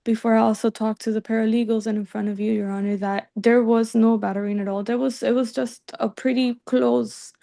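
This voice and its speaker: Woman witness heard over a video call; halting, gravelly delivery. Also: a little high, flat delivery, dark tone. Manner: hesitant, halting, restarts sentences. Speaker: witness in a court hearing. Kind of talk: testifying to a judge.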